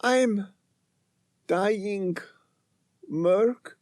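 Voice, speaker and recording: A man voicing a desperate woman scientist trapped in the ice and dying, speaking in halting, pleading phrases in an audiobook. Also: sits high, a little mellow, no room sound, clean studio sound, pitched above the performer's own voice. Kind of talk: audiobook narration.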